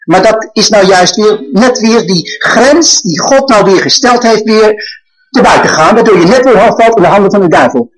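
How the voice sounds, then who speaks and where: Husky-voiced older preacher. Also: male voice, high-pitched, moderate pace, poor audio. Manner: earnest storytelling preacher, rising to emphatic proclamation. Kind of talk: sermon.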